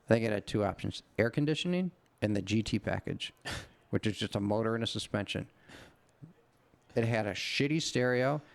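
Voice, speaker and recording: Gravelly middle-aged man telling a story. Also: fairly low pitch, expressive, moderate pace. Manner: rambling anecdote-telling with frequent profanity. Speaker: podcast co-host. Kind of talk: casual storytelling chat.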